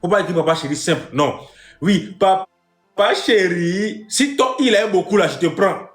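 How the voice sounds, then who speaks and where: A man's voice: sits high, moderate pace, faint music behind. A man hosting a comic live stream as a strict father, lecturing with emphatic repetition. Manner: lecturing, emphatic, repeats phrases. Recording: roomy echo.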